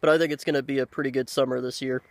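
A man in his thirties chatting casually to the camera outdoors, unhurried and halting, with pauses. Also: medium pitch, fairly even intonation, creaky. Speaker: pipe-smoking video blogger. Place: outdoors by a lake in woods. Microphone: handheld camera at arm's length.

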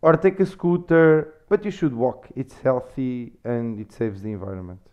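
A man from Portugal with a Portuguese accent, a guest chatting in a relaxed, meandering way in English. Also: mid-range voice, normal speed, clear, resonant tone. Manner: relaxed, meandering explanations with fillers. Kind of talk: casual conversational interview. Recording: slightly muffled podcast audio.

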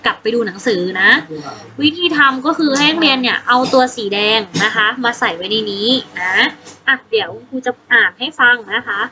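A woman teacher with a Thai accent, patiently leading a children's English lesson and spelling words out sound by sound with gentle prompting questions. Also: on the high side, expressive, a little fast, a crowd in the background, poor audio. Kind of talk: slow, patient classroom instruction.

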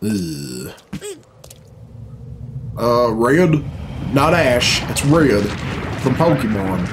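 With a mid-range voice that's very animated and full of drawn-out words, a reaction video host in his thirties delivers blunt, profane, grumbling commentary off the cuff in a casual style. He records in a small furnished room at home against a noisy background of game cutscene music.

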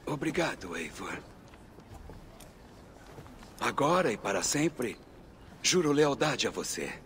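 A man's voice: mid-range voice, sing-song, slow pace, fairly bright tone, a little hiss or hum. A man voicing a solemn, grateful viking king in a dubbed video game. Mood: solemn, moved.

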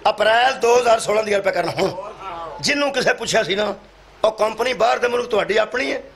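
A man preaching a sermon, acting out dialogue and rising to shouts. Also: sits high, fast, creaky. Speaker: Shia cleric giving a majlis sermon. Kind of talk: sermon to a live gathering. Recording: live hall with loud crowd. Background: crowd responses.

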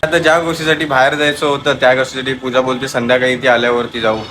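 A chatty young dad films a home vlog on his phone. He moves between gentle baby talk with his little daughter and easy explanations to his viewers. His voice sits in a middling pitch, with a faint hiss of background noise in the room. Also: flat delivery, quick pace. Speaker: vlogger and father. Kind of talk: casual home vlog, talking to camera and toddler.

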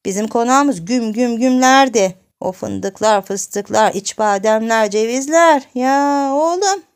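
A woman voicing a hard-of-hearing eighty-year-old great-grandmother who scolds and grumbles in a high, strained voice. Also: slow, smooth. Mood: angry scolding.

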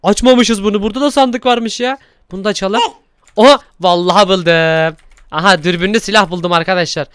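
A young man hosting Minecraft gameplay commentary, excitable and exclaiming often as he talks to viewers. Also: high voice, brisk, clear, resonant tone, no room sound. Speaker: gaming YouTuber host.

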